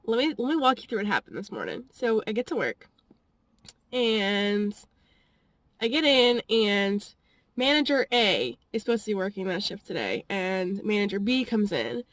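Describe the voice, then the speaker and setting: A woman's voice: medium pitch, very animated, normal speed, dry recording. A young woman vlogging, telling a story in a rambling, chatty way and often laughing between phrases. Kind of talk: casual storytelling vlog.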